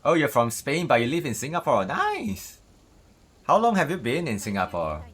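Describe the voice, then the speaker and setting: A man's voice: medium pitch, sing-song, fast talker, husky. A man with a Malaysian accent chatting casually on a gaming livestream, hesitant and often repeating his words. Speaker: game streamer, host. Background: music.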